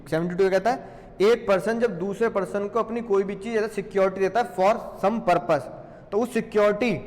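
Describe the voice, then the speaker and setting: A man teaching a lively class in a playful way, often asking questions and answering them himself. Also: high-pitched, in a large hall. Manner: playful, asks and answers his own questions.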